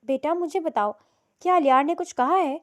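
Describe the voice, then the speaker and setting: A woman's voice: high voice, voice pushed up, close to an everyday voice. A woman voicing a worried middle-aged mother who pleads and then scolds sharply. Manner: anxious pleading, sharp scolding when angry.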